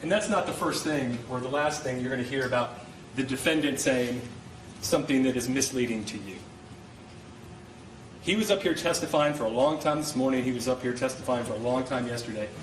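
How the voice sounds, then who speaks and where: A man speaking as a prosecutor, delivering a passionate, insistent closing argument to a jury with emphatic, pointed repetition. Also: medium pitch. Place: indoor courtroom. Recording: roomy courtroom, distant mic, faint noise.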